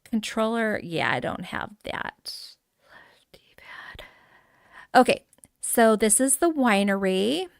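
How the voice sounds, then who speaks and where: A woman's voice: on the high side, big pitch swings, slow, creaky, long pauses, dry recording, studio quality. A middle-aged woman hosting a live game stream, chatting casually and laughing as she reads out viewer names. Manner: chatty and giggly, reading out chat names. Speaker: livestream host touring a game island. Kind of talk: casual live gameplay chat.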